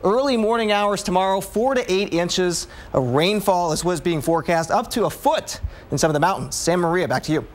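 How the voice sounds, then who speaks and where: Male weather presenter, fairly high voice, explains a live forecast conversationally. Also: brisk.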